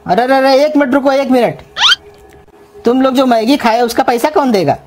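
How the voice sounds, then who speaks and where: A woman voicing a bald, self-important male street food vendor who scolds and threatens loudly in a comedy cartoon. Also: sits high, normal speed, natural voice. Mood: angry. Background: music.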